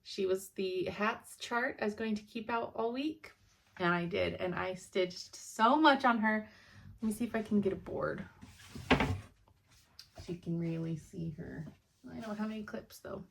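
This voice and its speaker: Young woman, casual home vlogger, sleepy, rambling, chatty, average pitch. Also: a little slow, creaky, a little hiss or hum. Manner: chatty, rambling, laughs often. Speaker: cross-stitch vlogger. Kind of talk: casual chat.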